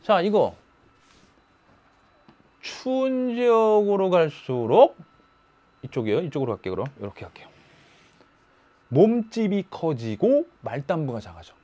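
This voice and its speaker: Animated man teaching biology. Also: sits high, unhurried, long pauses, muffled recording. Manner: animated, playful, with sudden shouts and silly voices. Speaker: high school biology teacher. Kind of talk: lecture.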